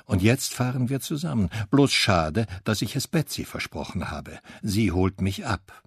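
Give me a man playing a nervous noblewoman in an audiobook, bright and chattering, with a husky edge. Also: on the low side, big pitch swings, no room sound, studio quality, full character voice. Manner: talks fast and too much, brightly. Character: lively young noblewoman hiding nerves.

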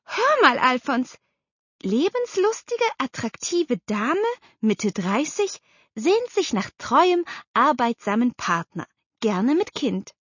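Woman doing a bossy, brisk aunt. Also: high voice, sing-song, breathy edge, dry recording, pitched above the performer's own voice, full character voice. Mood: scolding. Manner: emphatic, scolding. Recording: slightly dull dry recording.

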